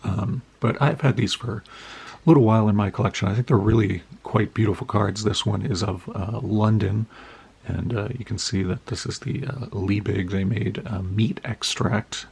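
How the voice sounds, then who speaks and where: Hoarse from a cold, this middle-aged card-collecting vlogger from the United States rambles amiably while unpacking his mail, dropping many "uh" fillers. His raspy, gravelly voice is lowish and a little mellow, with a steady tone and moderate pace.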